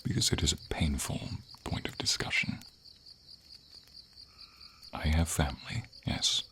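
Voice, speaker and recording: With an exaggerated voice, a man plays a gentle, wise dragon in a scripted fantasy ASMR roleplay, sounding pained and wistful. His very deep, gravelly voice moves formally through slow, measured phrases and thoughtful pauses, over a steady hiss of light rain and night insects.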